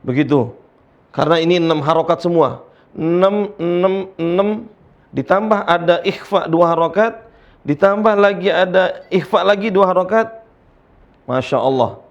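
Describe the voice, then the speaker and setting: A man teaching Quran recitation to young learners, patiently explaining letter lengths and chanting the letters slowly for students to repeat. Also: a little high, muffled recording.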